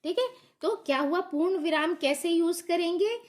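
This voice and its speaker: A woman's voice: very high-pitched, moderate pace. A middle-aged woman teacher giving a patient grammar lesson to children, asking questions and repeating the key points.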